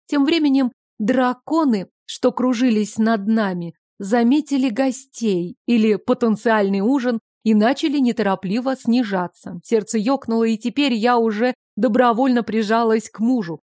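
A woman reading a first-person fantasy audiobook in an expressive, measured storytelling manner. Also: on the high side, no echo, clean studio sound. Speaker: audiobook narrator.

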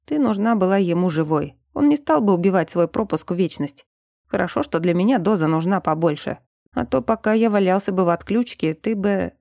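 A woman reading an audiobook and voicing a gruff, protective male werewolf who talks low and teases drowsily. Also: lively intonation, brisk, a little mellow, no room sound, clean studio sound. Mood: drowsy teasing. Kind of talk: audiobook character voice.

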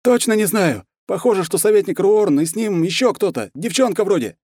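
A man's voice: sits high, expressive, fairly quick, darkish tone, dry recording, voice pushed up. A man reading a story aloud and voicing a gasping, frightened soldier reporting over a radio. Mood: panicked. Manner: gasping, panicked. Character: breathless panicked male soldier on a radio.

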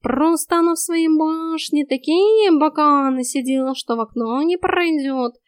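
A woman voicing a talking male house cat, a grumbling know-it-all mentor who drawls slowly in an audiobook. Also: high-pitched, dry recording, studio quality, voice pushed up. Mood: explaining. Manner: slow drawling, huffy. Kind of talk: audiobook character voice.

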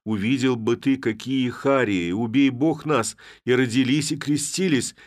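A man voicing frightened village watchmen who plead and complain in excited, raised voices. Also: mid-range voice, unhurried, voice pushed up, lightly acted. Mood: agitated pleading.

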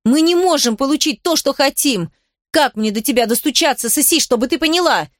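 A woman's voice: a little high, brisk, no room sound, studio quality, natural voice. A woman voicing a stern, anxious elder sister who speaks sharply and with exasperation. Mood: exasperated stern.

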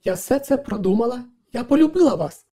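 A man's voice: extremely high pitch, lively intonation, brisk, dark tone, pitched above the performer's own voice, exaggerated voice. A man voicing a lovesick female ship computer, her voice slightly unsteady and trembling. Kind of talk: audiobook narration.

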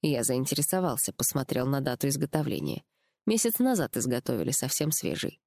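A woman reading an audiobook, voicing a calm, reassuring young man in a lowered voice. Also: a little fast, creaky, no room sound, studio quality.

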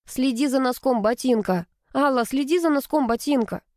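A woman voicing a calm, deadpan young male skating instructor with a mildly mocking manner. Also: high-pitched, moderate pace, dry recording, pitched above the performer's own voice, natural voice. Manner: cool, unflappable, mildly mocking.

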